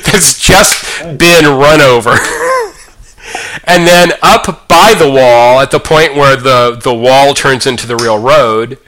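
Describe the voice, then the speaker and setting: A man with a bright, clear timbre sits at the mic of a chat podcast and spins a long story. He sounds amused throughout, wanders through lots of fillers and restarts, and keeps his pitch at an ordinary middle level. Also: takes it slowly. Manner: amused, rambling with many fillers. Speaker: podcast co-host. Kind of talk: casual anecdote telling.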